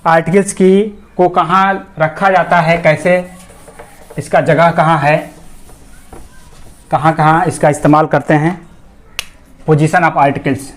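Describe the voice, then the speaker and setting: Male grammar teacher, high pitch, patient step-by-step explainer who reads examples word by word. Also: fairly even intonation, slow pace, long pauses. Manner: repeats questions to students and answers them himself. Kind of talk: explanatory classroom lesson.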